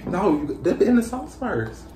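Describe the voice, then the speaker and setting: A man's voice: sits high, sing-song, moderate pace. A man co-hosting a casual mukbang vlog, coaxing and playful as he gives instructions. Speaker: vlogger co-host. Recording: echoey room with faint noise.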